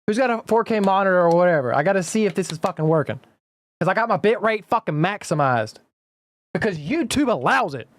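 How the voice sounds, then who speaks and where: A man streaming a game, talking casually and excitedly to his chat with plenty of swearing. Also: high voice, fairly quick. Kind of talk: casual gaming commentary.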